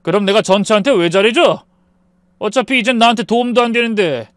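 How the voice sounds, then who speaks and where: A man voicing a falsely gentle husband who turns snarling and threatening in a story narration. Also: medium pitch, fairly quick, dry recording, studio quality, pitched above the performer's own voice, natural voice. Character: smooth-talking abusive husband turned threatening.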